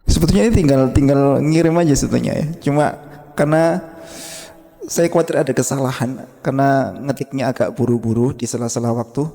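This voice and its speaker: Brief: male teacher, mellow tone, patient drills, long echoing reverb of a mosque hall. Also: mid-range voice, vocal fry. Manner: patient, demonstrates sounds slowly and quizzes the class. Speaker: Quran recitation teacher. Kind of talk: classroom lesson with drills.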